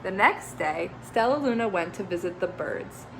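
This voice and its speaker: A woman teacher reading a children's storybook aloud with expressive, gentle storytelling. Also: mid-range voice, normal speed, vocal fry, a little hiss or hum, rough recording.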